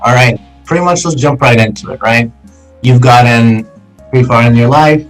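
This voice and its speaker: A man's voice: mid-range voice, moderate pace, soft background music, rough recording. A man hosting a podcast, asking questions in a casual, loose way. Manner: casual, loose phrasing with fillers. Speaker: podcast host.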